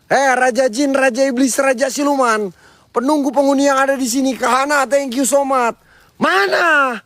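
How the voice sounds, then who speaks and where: A young man, live-streaming a night ghost hunt outdoors in a cemetery, jittery and swinging between hype chatter and hushed prayers. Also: high voice, no echo. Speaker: paranormal explorer streamer.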